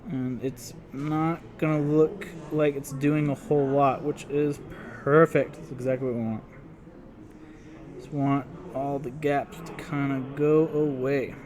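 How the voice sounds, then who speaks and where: A man's voice: medium pitch, level tone, unhurried, darkish tone, a little hiss or hum. A man with a Utah accent casually talking through a painting tutorial, laid-back and dropping his T's. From Utah, United States. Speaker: host, miniature painting instructor.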